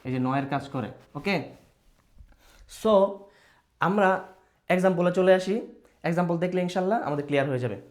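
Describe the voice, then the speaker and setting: A man's voice: sits high, brisk, pauses often, a little mellow. A male teacher giving a patient children's reading lesson, asking questions, answering them himself and mixing in English words. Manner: mixes English words into his speech.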